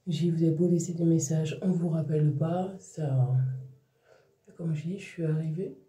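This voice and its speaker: Deep and mellow, this mother's voice moves at normal speed with fairly even intonation as she vents, tired, to her vlog viewers. She keeps restarting and trailing off while talking to camera. Echo fills the room and the mic sits a little away from her.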